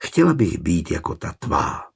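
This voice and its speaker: A man voicing a sharp-tongued pregnant noblewoman. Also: a bass voice, huge pitch swings, gravelly, slightly rough, pitched below the performer's own voice, exaggerated voice. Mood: coaxing, earnest. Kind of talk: audiobook character reading.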